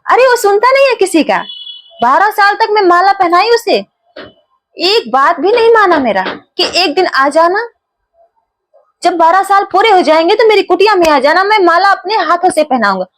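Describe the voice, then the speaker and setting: A woman's voice: very high voice, lively intonation, moderate pace, fairly bright tone, pitched above the performer's own voice. A woman voicing an old male devotee who complains bitterly about an unanswered wish. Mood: resentful. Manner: complaining, grumbling.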